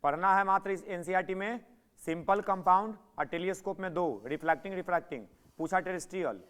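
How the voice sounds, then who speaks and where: Male physics teacher, high pitch, classroom lecture, keeps pushing students to answer. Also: brisk, fairly bright tone, clear, resonant tone. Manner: prodding students to answer, repeating points.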